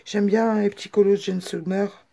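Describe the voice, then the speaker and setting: A woman with a warm, mellow voice hosts a casual show-and-tell video. She talks in a chatty, halting way, often pausing on fillers and restarting her sentences. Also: medium pitch, little pitch movement, creaky, slight background noise. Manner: chatty, hesitant with many fillers. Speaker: craft vlogger.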